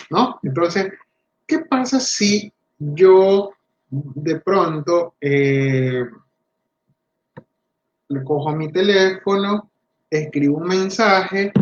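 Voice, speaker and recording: A male speech therapist giving a talk to parents, animated and acting out the voices of parents and children as he explains. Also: fairly high pitch. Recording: roomy, dull lo-fi audio.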